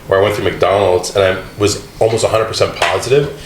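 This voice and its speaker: Lower-voiced man telling stories on a podcast. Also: fairly quick. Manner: animated storyteller, acts out quoted voices. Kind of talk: casual podcast chat. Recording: roomy studio with faint hiss.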